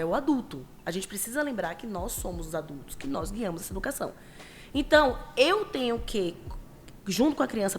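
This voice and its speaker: Animated, fast-talking woman. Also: medium pitch, gravelly, a little hiss or hum. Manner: animated, quick storytelling, acts out quoted dialogue. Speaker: parenting educator, podcast guest. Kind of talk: casual interview chat.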